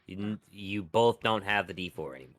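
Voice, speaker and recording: Man, lowish pitch, bright forceful tone, casual tabletop banter, player. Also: lively intonation, brisk, no echo, faint music behind.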